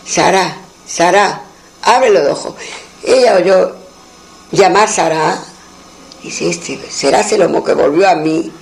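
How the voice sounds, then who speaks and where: Creaky high-voiced man telling a folk tale. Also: low-quality recording. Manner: homely, repetitive, voices the characters' lines in turn. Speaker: storyteller.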